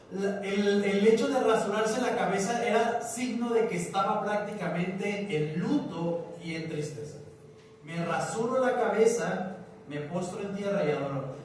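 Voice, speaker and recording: High-voiced Mexican pastor in an echoing church. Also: male voice, slight background noise. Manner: conversational, joking, asks the congregation questions. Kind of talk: sermon. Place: church hall. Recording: echoey church recorded from a distance.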